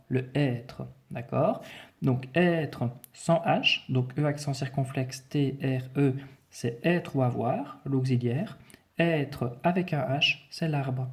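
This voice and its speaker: A man explaining spelling as a teacher, working through a text methodically, spelling out letters and repeating key points. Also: mid-range voice.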